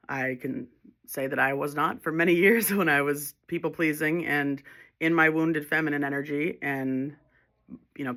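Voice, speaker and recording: A woman's voice: sits low, sharp tone. A woman speaking as a holistic life coach in a reflective self-help monologue, earnest and encouraging, often restarting her phrases.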